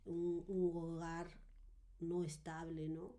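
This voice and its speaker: A woman telling her personal testimony in a podcast interview, earnest and reflective, often pausing on fillers and tag questions. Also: fairly low pitch, flat delivery, warm tone. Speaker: guest giving a testimony.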